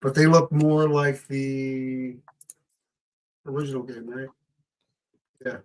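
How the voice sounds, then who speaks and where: A man's voice: medium pitch, fairly even intonation, slow, a little mellow, rough recording. A man co-hosting a podcast, chatting casually and a little unsure of the details. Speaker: podcast co-host. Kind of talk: casual chat.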